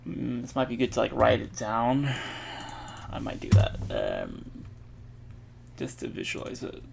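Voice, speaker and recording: A man thinking aloud while he codes, halting and correcting himself, with many fillers. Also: medium pitch, wildly swooping pitch, vocal fry, noisy background. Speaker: programmer streaming his coding practice. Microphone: earbuds mic.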